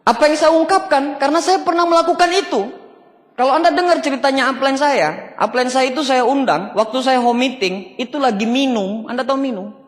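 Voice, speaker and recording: A man's voice: extremely high pitch, brisk. A man giving a motivational seminar talk, often asking the audience whether they agree. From Indonesia. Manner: asks the audience for agreement, mixes casual and formal speech. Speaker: motivational speaker. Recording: long hall reverb.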